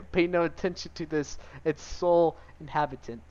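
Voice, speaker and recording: A man's voice: on the high side, steady tone, moderate pace, darkish tone. Jokey gamer man reading game text. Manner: jokey, laughs often, breaks off to comment. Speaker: gamer reading a visual novel aloud. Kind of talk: casual let's-play commentary, reading game text aloud. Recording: slightly dull lo-fi sound with faint music. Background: faint game music.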